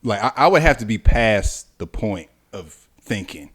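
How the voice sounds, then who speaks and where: A man's voice: fairly low pitch, a little slow. Laid-back joking young man, podcast co-host. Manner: laid-back, joking, animated when telling stories. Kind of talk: casual chat.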